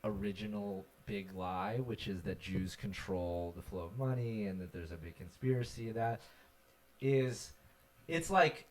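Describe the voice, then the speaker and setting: A man co-hosting a casual chat stream, talking in an animated, rambling way with many fillers. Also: on the low side, measured pace. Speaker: podcast co-host.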